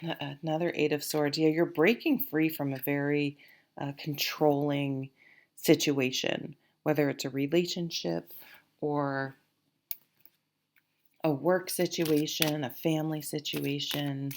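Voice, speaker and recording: In a low, steady, slightly slow voice, a tarot reader talks her way casually through a reading. She sounds a little nasal and congested, sniffling from allergies, and rambles in a reassuring manner with lots of restarts and fillers.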